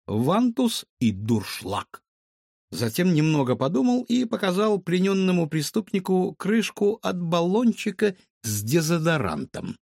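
A man narrating a children's audiobook in an expressive storytelling manner. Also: on the high side, creaky, breathy edge, dry recording, studio quality.

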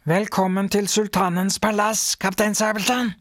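A man's voice: high voice, long reverb tail, voice pushed up, close to an everyday voice. A man doing a fawning pirate sidekick. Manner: flattering, eager.

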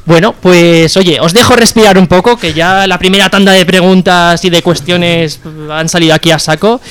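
A man's voice: sits high, fairly even intonation, normal speed, fairly bright tone, clear, resonant tone. A man hosting a casual radio interview, talking loosely with many fillers and restarts. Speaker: radio host.

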